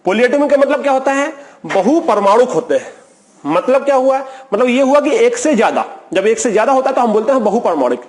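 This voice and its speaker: High-voiced man giving a chemistry lecture. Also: sing-song, brisk, darkish tone. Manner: repetitive question-and-answer explaining, mixing English terms; asks the class a question, then answers it himself. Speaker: chemistry teacher. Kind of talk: recorded video lecture.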